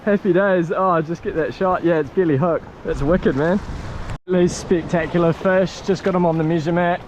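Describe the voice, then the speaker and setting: A man with a broad New Zealand accent hosting a casual fishing vlog from a rocky coast in a slangy, excitable, matey way. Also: high voice, moderate pace. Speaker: fishing show host. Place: outdoors on a rocky coastal ledge. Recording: noisy outdoors with sea and surf. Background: waves and surf.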